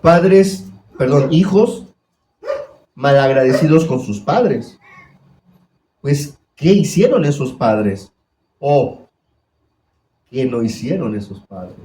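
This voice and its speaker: A man's voice: mid-range voice, lively intonation, takes it slowly, pauses often, dark tone. A man preaching a sermon as pastor, putting questions to his congregation. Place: church hall. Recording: echoey church room.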